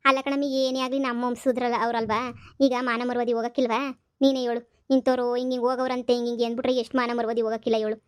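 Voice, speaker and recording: A woman's voice: a little high, level tone, quick pace, clean tone, no room sound, clean studio sound, natural voice. A woman voicing a scheming elderly village mother-in-law who pleads and guilt-trips. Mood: pleading. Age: older. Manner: rustic village dialect, whining guilt-tripping.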